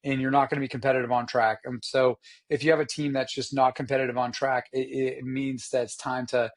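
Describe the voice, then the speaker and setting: A man with a hoarse, rough voice and a middling pitch co-hosts a casual sports podcast. He rambles along with enthusiasm, using plenty of slang as he thinks aloud. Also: flat delivery, brisk. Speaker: podcast co-host. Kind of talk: casual motorsport chat.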